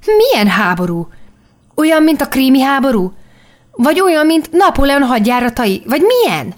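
A woman reading as a wide-eyed, excitable young boy, full of eager questions. The voice is lifted higher and quicker as the questions pour out, in the plain style of a storybook reading. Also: natural voice. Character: curious, excitable young boy from long ago.

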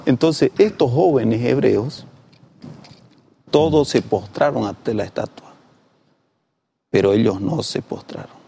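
A man's voice: mid-range voice, animated, takes it slowly, vocal fry, long pauses, mellow, a little hiss or hum. A man in a Bible lesson discussion, reading verses aloud with rising emphasis between plain conversational asides. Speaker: Bible study discussion partner.

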